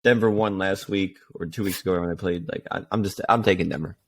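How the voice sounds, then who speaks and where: A man's voice: low-pitched, fast talker, slightly rough. A man hosting a casual football podcast, jokey and playful. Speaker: podcast host. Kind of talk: casual sports chat.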